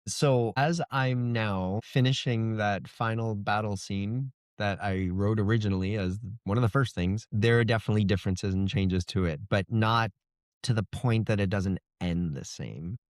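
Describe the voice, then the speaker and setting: A middle-aged man with a fairly low voice talks at normal speed as a fantasy author guesting on an interview. He tells things in a casual, reflective, conversational way, in a dry, clean studio recording.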